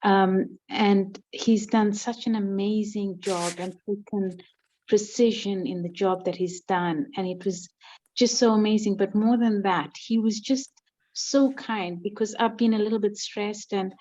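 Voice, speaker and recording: A woman from Zimbabwe on a video call, sharing heartfelt thanks with hesitant pauses. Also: mid-range voice, fairly even intonation, highs cut off, slight background noise. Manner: warm, heartfelt, hesitant fillers. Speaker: call participant.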